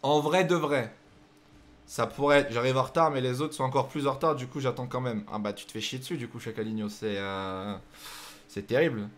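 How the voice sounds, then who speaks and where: A young man with a medium-pitched voice and a brisk pace hosts a racing game night on a live stream. He jokes and chats casually with his viewers, thinking aloud as he sets up the races.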